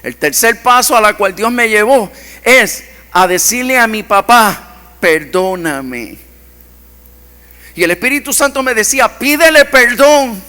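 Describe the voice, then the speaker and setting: Male pastor, high and bright-toned, passionate sermon delivery that rises and drops to a near hush, church reverb. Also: expressive, unhurried. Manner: impassioned preaching, swings from loud to hushed. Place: church hall. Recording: long church-hall reverb.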